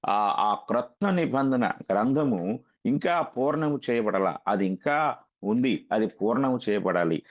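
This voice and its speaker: A man's voice: on the low side, gravelly. A man preaching an earnest, emphatic sermon, recorded over a dull, lo-fi line.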